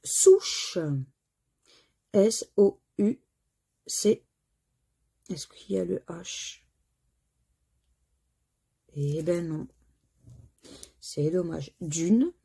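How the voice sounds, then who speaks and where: In a lowish, dark, gravelly voice that is slightly rough, a French woman gives casual commentary while scratching lottery tickets for her channel. She draws out her words, leaves long pauses and spells out letters one at a time.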